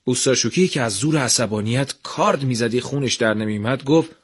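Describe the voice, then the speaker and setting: Male narrator, husky voice, measured radio storytelling, mid pitch.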